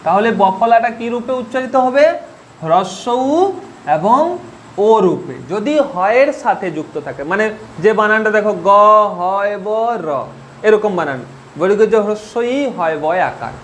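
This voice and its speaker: A man's voice: sits high, expressive, normal speed, slight background noise. A man teaching a spoken grammar lesson, patient, repeating each point and asking the listener questions.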